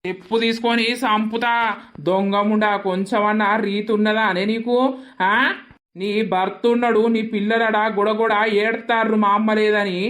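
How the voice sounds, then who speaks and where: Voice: mid-range voice, little pitch movement, normal speed, fairly bright tone. A performer voicing a harassed young village man in a cartoon comedy, fretful and exasperated, with a Telangana accent. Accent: Telangana Telugu.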